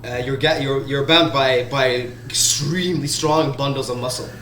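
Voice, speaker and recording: A man narrating as game master in the second person, slow and halting with restarts. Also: medium pitch, steady tone, sharp tone, a little hiss or hum. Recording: roomy sound, faint background music.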